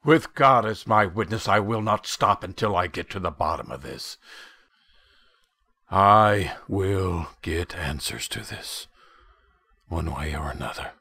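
A grim older commander of a space outpost, acted by a man in a cartoon, brooding solemnly over his guilt. The voice is extremely low, husky and full of gravel, recorded close and dry. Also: lively intonation, measured pace, bright, forceful tone, dry recording, heavily acted. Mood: anguished resolve. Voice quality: gravelly, raspy. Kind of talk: dramatic cartoon monologue.

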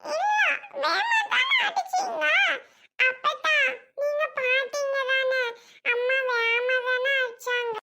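Woman voicing a whiny sobbing little girl, very high, slow, bright, family skit. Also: expressive, vocal fry, heavy background noise, full character voice. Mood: tearful. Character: tearful little girl tattling to her father.

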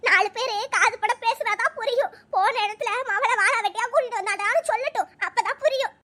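A woman's voice: very high voice, a little fast, pushed and bright. Woman doing a wailing old cartoon granny. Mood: lamenting. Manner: lamenting, scolding. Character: wailing old village grandmother.

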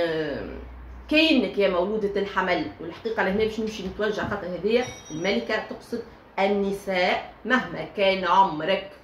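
A woman's voice: medium pitch, a bit bright. A woman with a Tunisian accent giving a chatty tarot reading, talking straight to her listeners with many fillers. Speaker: tarot reader. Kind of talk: casual tarot reading monologue. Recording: echoey room with faint ambient noise.

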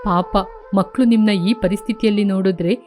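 A woman voicing a kindly village man who gently coaxes his grieving brother in a storybook tale. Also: medium pitch, steady tone, moderate pace, faint music behind, voice pushed down, natural voice. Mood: coaxing.

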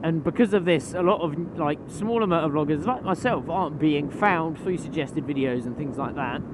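A man's voice: fairly high pitch, moderate pace. A young man chatting casually while riding a motorbike at night, rambling with fillers and casual swearing. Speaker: motovlogger. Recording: road and engine noise behind.

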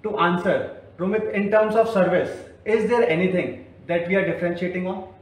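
A man's voice: sits high, normal speed. A man with an Indian English accent hosting a demo on a construction site, asking guiding questions and summing up. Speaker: show host. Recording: echoey site from a distance.

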